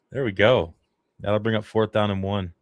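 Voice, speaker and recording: A man's voice: on the low side, dry recording. A man hosting a fan livestream, giving casual, emotional play-by-play commentary on a football game. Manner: excitable, emotional fan reactions.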